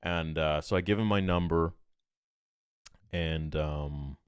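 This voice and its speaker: A man, a podcast guest, casually retelling a story in an animated, rambling way, peppered with "I'm like.". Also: extremely low pitch, slow, clean tone, no echo, clean studio sound.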